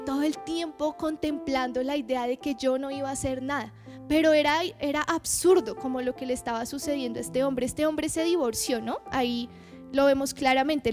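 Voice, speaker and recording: Brief: young woman, high voice, informal sermon over steady background music, self-deprecating and chatty. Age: 20s. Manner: chatty, self-deprecating, asks the audience rhetorical questions. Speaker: guest youth leader preaching. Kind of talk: testimony sermon.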